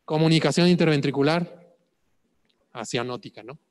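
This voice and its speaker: A man's voice: a little high, moderate pace, in a large hall. A man lecturing on clinical cases, asking rhetorical questions and checking in with "ok?". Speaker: medical exam prep lecturer.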